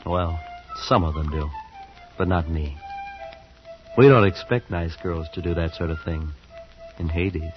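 A man's voice: sits low, a little slow, long pauses. An actor playing a wide-eyed young man from a small town who tells his own story in an earnest, awed, shy way, in an old radio drama. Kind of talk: 1940s radio acting with first-person narration. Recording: muffled old radio recording with music behind.

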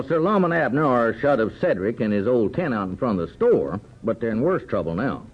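A man's voice: medium pitch, breathy edge. An actor playing a folksy small-town country man who narrates an old radio show, with old radio broadcast sound. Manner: folksy rural talk. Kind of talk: 1940s radio acting. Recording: dull lo-fi old radio recording.

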